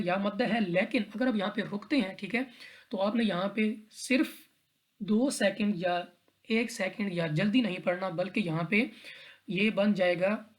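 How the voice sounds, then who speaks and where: A woman teaching tajweed, explaining recitation rules one letter at a time in a patient, repetitive way. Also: mid-range voice. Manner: patient, step-by-step, repeats rules and checks in with "theek hai".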